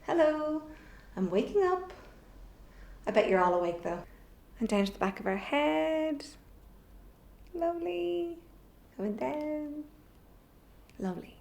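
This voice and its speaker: An expressive middle-aged woman with a high-pitched, gravelly yet slightly mellow voice takes things slowly, leaving long pauses. She presents a children's theatre workshop video, explaining simply and encouraging the kids through warm-ups. The setting is a bare room at home with an echoey sound.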